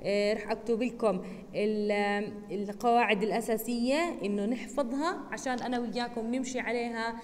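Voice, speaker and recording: Slow-drilling Jordanian teacher, woman, echoey. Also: fairly high pitch, darkish tone. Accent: Jordanian Arabic. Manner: slow, deliberate syllable-by-syllable drilling. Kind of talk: recorded online lesson.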